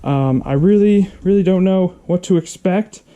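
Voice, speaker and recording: A man's voice: high-pitched, normal speed, warm tone, slight background noise. A young man vlogging casually about a car project in his garage, chatty and rambling with fillers. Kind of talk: casual vlog talk to camera. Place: hot home garage. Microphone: camera set down nearby.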